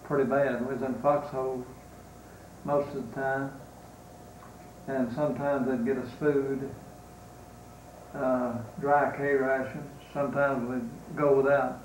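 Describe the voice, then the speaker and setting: An elderly man with a Southern US accent remembers his time as a soldier in a halting, unscripted way. He speaks slowly and evenly, with long pauses. The recording is roomy and distant from the mic. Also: medium pitch, level tone, a little hiss or hum. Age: 80s or older. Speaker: war veteran being interviewed. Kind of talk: unscripted reminiscence in an interview.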